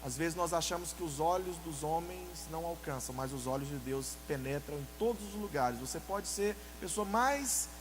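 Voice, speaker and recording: A Brazilian man preaching a sermon as pastor, animated, acting out excuses people give. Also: on the high side, normal speed, hardly any pauses, in a large hall, background noise. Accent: Brazilian Portuguese. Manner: animated preaching, acts out church members' excuses. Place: church.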